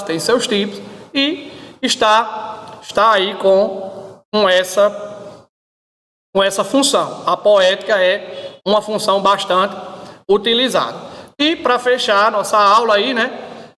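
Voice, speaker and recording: A male teacher from Brazil explains an exam-prep lesson in a high voice, pausing often to restart his sentences. The sound carries a long reverb, as in a hall. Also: fairly bright tone. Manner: hesitant, many fillers and restarts.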